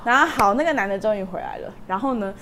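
Brief: lively young woman podcast co-host, quick talker, high and bouncy, faint background hiss. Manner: animated, laughing, acts out voices in quotes. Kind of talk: casual storytelling chat.

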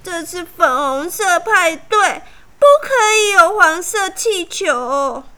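A woman's voice: slow pace, full character voice. A woman voicing a spoiled little princess girl who sobs and wails shrilly. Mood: wailing. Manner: sobbing, shrill, loud wailing.

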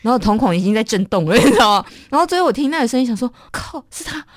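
A young woman with a Taiwanese accent chatting casually as a podcast co-host, telling stories in an animated way and acting out what people said. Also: on the high side, rapid-fire, no room sound. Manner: animated storyteller with sound effects and acted-out quotes. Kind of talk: casual chat, telling ghost stories and anecdotes.

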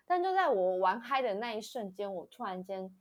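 A woman's voice: medium pitch, very animated, a little fast. A young woman co-hosting a casual chat, telling a story animatedly, often laughing and acting out the voices of people in it. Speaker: podcast co-host.

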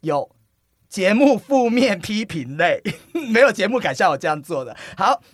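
A woman with a Taiwanese accent and a husky, smoky voice hosts a casual chat in a blunt, joking way, with softly blurred sibilants. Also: mid-range voice, moderate pace, no echo, studio quality. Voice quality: blurs retroflex and flat sibilants. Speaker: podcast host.

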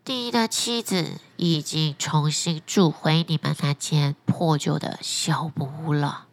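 Woman doing a low, grave magic fish. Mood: solemn. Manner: slow, grave, quiet. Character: solemn magic flounder fish.

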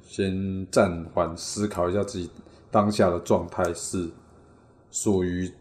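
A man's voice: low voice, little pitch movement, measured pace, darkish tone. A man co-hosting a casual chat, speaking hesitantly and often repeating his words. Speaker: podcast co-host.

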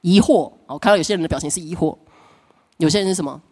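A middle-aged woman pastor preaching a sermon, telling stories with lively acted-out voices and frequent laughter. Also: on the low side, quick pace, slightly rough. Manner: animated storytelling, acts out quoted voices, laughs often.

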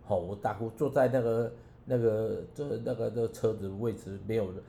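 A man, a preacher and songwriter giving an earnest, halting personal testimony as a radio guest, with many restarts. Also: fairly low pitch, steady tone, gravelly, warm tone, reverberant, a little hiss or hum.

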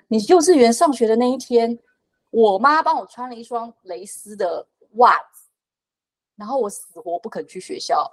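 A fast-talking woman in her thirties or forties, a podcast guest telling a personal story. Her telling is animated and quick, full of fillers and restarts, and her pitch sits mid-range for a woman. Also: low-quality recording.

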